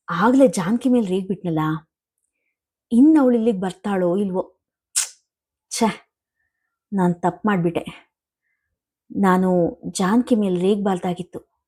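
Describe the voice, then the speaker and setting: A woman's voice: mid-range voice, warm tone, husky. An elderly bedridden father, fretful and full of regret, muttering his thoughts to himself, as a woman narrator reads him. His words come in a restless inner monologue. It is a spoken family storybook. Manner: inner monologue, self-reproaching.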